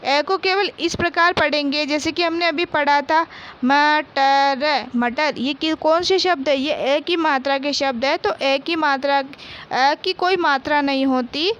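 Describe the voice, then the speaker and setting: Slow, patient woman teaching Hindi. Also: high-pitched, fairly bright tone, highs cut off. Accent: Rajasthani Hindi. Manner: slow, patient, repeats each word twice for pupils; asks questions and answers them herself. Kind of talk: Hindi primary-school lesson, reading words aloud.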